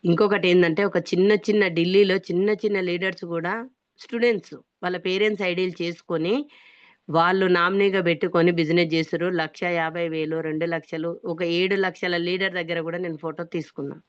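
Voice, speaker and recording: A woman's voice: fairly low pitch, fairly even intonation, fast, dry recording. Woman, Telangana accent, earnest emphatic testimony, motivational speaker, dry close sound, muffled lo-fi audio. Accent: Telangana Telugu. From Hyderabad, India. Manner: earnest and emphatic, often stressing that she is being sincere.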